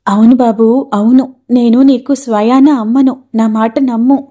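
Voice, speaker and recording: A proud, grieving mother who pleads through tears and then turns defiant, as a woman reader puts her on. The voice sits a little high, with a soft, mellow tone. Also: steady tone, measured pace. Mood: pleading. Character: grieving middle-aged mother, fierce and proud.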